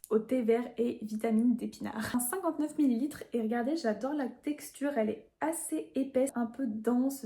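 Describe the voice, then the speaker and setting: Young woman beauty vlogger, mellow high voice, enthusiastic casual review. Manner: chatty and enthusiastic, laughs at her own slips. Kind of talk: casual product review with demonstration.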